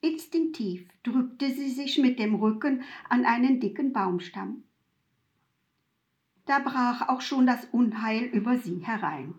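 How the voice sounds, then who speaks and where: A woman narrating a story in an expressive, dramatic reading style. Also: on the high side, slow pace, dull audio. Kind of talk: scripted narration.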